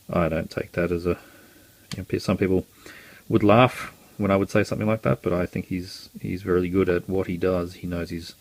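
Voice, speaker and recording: A man's voice: deep voice, no echo. A man showing off his collection in a casual, rambling way, full of ums and uhs and wry, self-mocking asides. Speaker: collector vlogger. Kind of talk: casual show-and-tell.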